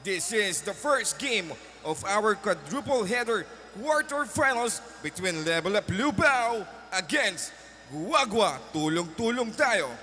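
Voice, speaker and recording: A man with a Filipino accent doing big, hyped arena announcing with shouted, drawn-out delivery. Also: high-pitched, expressive, slight background noise. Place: large indoor sports hall over PA. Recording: long hall reverb with music behind.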